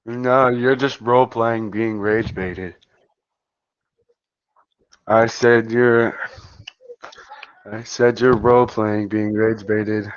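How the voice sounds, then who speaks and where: A man with a lowish voice drawls through casual voice chat, laid-back and mumbling, brushing things off. The sound is dull and lo-fi, with no room around it. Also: fairly even intonation, takes it slowly, long pauses, clear, resonant tone, dry recording. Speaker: voice chat debater.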